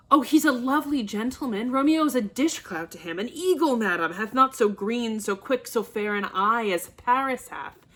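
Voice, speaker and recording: A woman's voice: mid-range voice, fairly bright tone. Brief: woman voicing an older nurse servant, chatty, practical.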